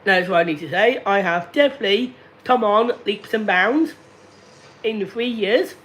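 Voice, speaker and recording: A man in his late thirties talking slowly and deliberately to viewers on a casual live stream, repeating himself often. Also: sits high, lively intonation, a bit bright. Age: 30s. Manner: slow, deliberate and repetitive. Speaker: livestreamer.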